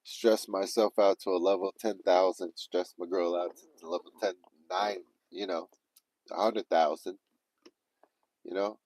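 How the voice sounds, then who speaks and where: This livestream vlogger retells an event in an animated, foul-mouthed way, voicing his own panicked thoughts aloud. He has a deep voice and a measured pace, and the poor-quality recording carries no echo.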